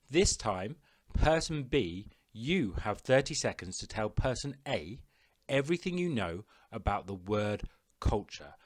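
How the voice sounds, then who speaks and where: A man delivering a recorded classroom lesson in a clear, instructive way. His pitch moves a lot, rising and falling as he talks pupils through each step. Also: fairly bright tone. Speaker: teacher.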